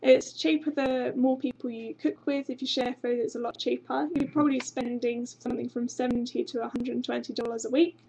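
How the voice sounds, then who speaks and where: Speaking fairly quickly and barely pausing, this young woman has a highish, creaky voice with little pitch movement, and the background is noisy. She's English, her accent faintly Australian-tinged, and she hosts a university webinar on a desk webcam in a small office with a banner behind her. Her delivery is chatty and informative, full of ums.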